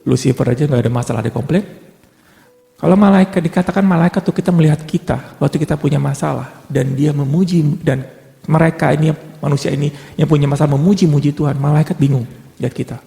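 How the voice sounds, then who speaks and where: A man's voice: a little high, fairly even intonation, fast talker, gravelly, mellow, big-room sound. A man preaching a sermon in a casual conversational way, now and then dropping English phrases into his talk.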